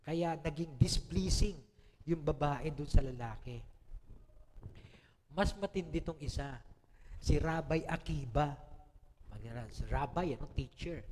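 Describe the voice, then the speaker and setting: High-voiced Filipino pastor, joking sermon. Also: male voice, slow, pauses often, a little mellow, big-room sound, a little hiss or hum. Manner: chatty, joking, laughs often, asks the congregation "no?". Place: church hall.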